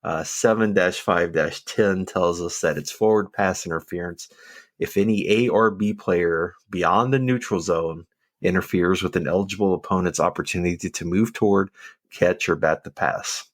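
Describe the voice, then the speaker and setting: Male podcast co-host, very low husky voice, dry sound, walks through rules steadily with lots of ums. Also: normal speed, no room sound. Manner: explains rules methodically with many fillers. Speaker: podcast co-host, football official. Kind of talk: casual rules discussion.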